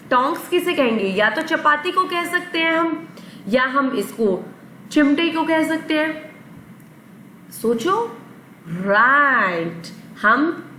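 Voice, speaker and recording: A woman teaches a vocabulary lesson to children. Her voice sits high, and she keeps asking questions and answering them herself. The room around her is echoey, with a faint hiss behind. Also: pushed and bright. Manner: repeats questions and answers, coaxing. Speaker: English teacher.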